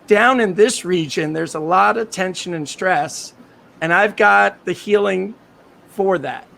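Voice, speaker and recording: A man voicing a smooth-talking male Reiki healer, low and knowing. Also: measured pace, sharp tone, full character voice. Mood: sly.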